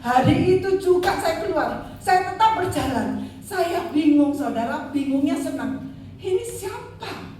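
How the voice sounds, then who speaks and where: A woman's voice: sits high, lively intonation, a little slow, darkish tone, slight background noise. An older woman evangelist preaching a Christmas sermon with personal testimony, emphatic and addressing the congregation directly. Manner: emphatic, calls audience "saudara". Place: church hall. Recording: echoey hall from far off, faint ambience.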